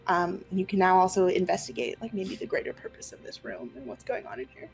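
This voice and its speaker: A young woman narrating an online tabletop roleplaying game as game master, improvising her descriptions haltingly. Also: medium pitch, gravelly, rough recording. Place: room at home, on a group video call. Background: faint music.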